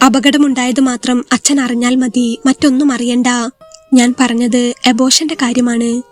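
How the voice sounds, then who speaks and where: A woman voicing an injured young husband who speaks softly and reassuringly in a spoken story. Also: fairly high pitch, flat delivery, moderate pace, soft background music, close to an everyday voice. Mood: consoling. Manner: soft, reassuring.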